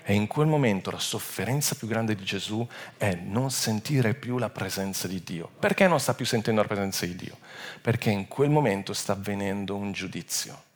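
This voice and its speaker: A man with a somewhat low voice preaches a sermon, teaching through a Bible passage. He swells to loud, emphatic peaks and then sinks back to low, quiet phrases, often breaking off and restarting words mid-phrase. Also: lively intonation, normal speed.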